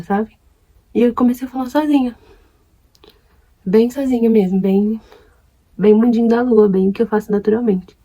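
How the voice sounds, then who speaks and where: A woman's voice: mid-range voice, slightly rough, poor audio. A young woman from Brazil gossiping casually about her dates while doing her makeup. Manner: chatty, gossipy, animated retelling. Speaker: beauty vlogger.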